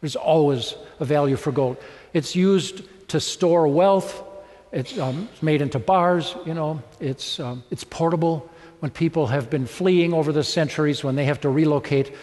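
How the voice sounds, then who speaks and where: A pastor preaching a conversational sermon, playful and full of rhetorical questions. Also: male voice, a little high, darkish tone, in a large hall.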